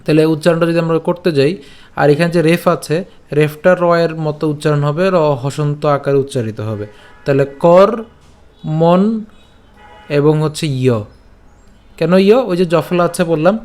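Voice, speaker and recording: A man teaching scripture recitation over slides, breaking words into syllables slowly and patiently, often checking that listeners follow. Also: fairly high pitch, a little mellow. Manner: patient, repeats each syllable, checks understanding. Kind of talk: slow syllable-by-syllable pronunciation lesson.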